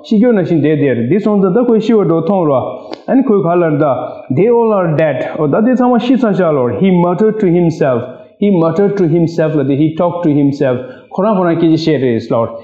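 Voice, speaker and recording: A man teaching a class, reading an English story slowly and explaining each line in a local language. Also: fairly high pitch. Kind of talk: bilingual classroom lesson, reading and translating a story. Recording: echoey room, tinny phone-like sound.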